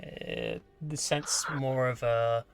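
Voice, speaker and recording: An Australian man narrating a tabletop game as game master, casual and halting as he improvises. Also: mid-range voice, steady tone, a crowd in the background.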